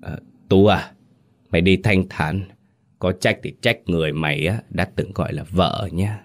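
A man's voice: low-pitched, normal speed. A man voicing a guilty young villager in an audio ghost story, muttering and then stammering in terror. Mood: muttering prayer. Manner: panicked, stammering.

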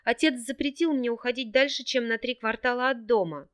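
Female reader voicing a naive, tearful young girl; breathless, pleading, higher register. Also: brisk, a bit bright, clean tone, natural voice.

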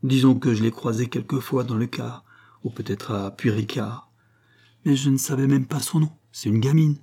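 A man's voice: mid-range voice, steady tone, moderate pace, mellow, breathy edge, natural voice. A man voicing a frank, plain-spoken young country woman. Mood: guarded.

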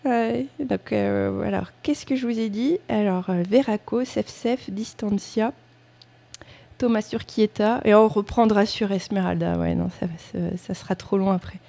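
A woman presents tracks on her music radio show, talking loosely at the studio mic. Her voice is low and warm with a gravelly edge. She keeps stopping and restarting and makes self-mocking asides. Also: a little slow. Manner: hesitant, many fillers and restarts, self-mocking. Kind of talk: casual radio chat between tracks. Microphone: studio microphone.

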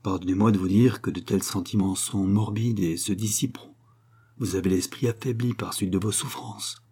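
A man voicing an embarrassed, earnest young gentleman who speaks in a restrained, uneasy way. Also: on the low side, fairly even intonation, normal speed, slightly rough.

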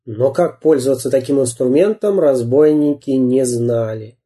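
Slow storybook reader, husky, very dark mellow tone. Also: mid-range voice. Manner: slow, dramatic story reading. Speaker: narrator. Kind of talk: storybook reading.

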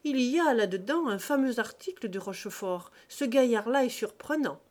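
A woman voicing a domineering, boastful man who mocks and declaims loudly in a read-aloud story. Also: fairly high pitch, measured pace. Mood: triumphant. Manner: loud, exclamatory and mocking.

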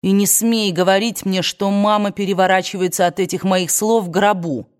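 A woman reading the part of a proud, sharp-tempered young woman who answers in curt, clipped retorts. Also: mid-range voice, steady tone, normal speed, natural voice.

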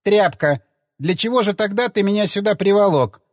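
A man's voice: high-pitched, lively intonation, moderate pace, no echo, studio quality, in a large hall, voice pushed up. A man voicing a sentient talking rifle that is bloodthirsty, proud and reproachful. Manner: plaintive, reproachful, childlike.

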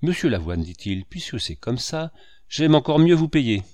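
A man's voice: mid-range voice, sing-song, moderate pace, darkish tone, no echo, studio quality, pitched above the performer's own voice, close to an everyday voice. A man reading the part of an impassioned painter who speaks earnestly and with emphasis. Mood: proud. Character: proud, impassioned male painter, hurt and pleading.

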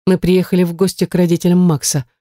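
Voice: medium pitch, flat delivery, quick pace, warm tone, no room sound, clean studio sound, close to an everyday voice. A reader voicing a wary young heroine. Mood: guarded. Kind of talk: audiobook character reading.

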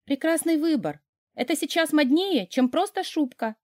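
A woman voicing a frightened young shop saleswoman who recites a sales pitch by rote. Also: animated, moderate pace, no room sound. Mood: nervous. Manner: rote, nervous sales patter.

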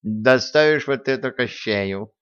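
A man's voice: medium pitch, slow pace, a bit bright, clean tone, no echo. A man reading an audiobook voices a cheeky, bossy male tomcat with a brash, needling manner, on a dull lo-fi recording. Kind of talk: audiobook character voicing.

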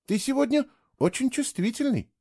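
Man putting on a cool young woman, high and dry, lots of lilt, speaking short and mocking. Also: lively intonation, moderate pace, mellow, dry recording. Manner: curt, mocking, matter-of-fact. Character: brisk cool-headed young woman traveler.

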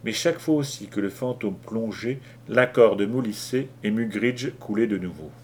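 A man narrating an audiobook with measured, dramatic delivery. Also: fairly low pitch, lively intonation, a little mellow. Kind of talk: audiobook reading.

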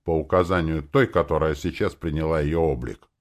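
A man voicing a frightened, desperate man who shouts and pleads. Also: a bass voice, fairly even intonation, fairly quick.

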